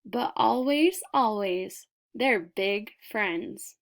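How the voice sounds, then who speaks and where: With lively intonation in a medium-pitched voice, this woman gives an expressive reading of a children's picture book. She takes her time, adding dramatic pauses and emphasis.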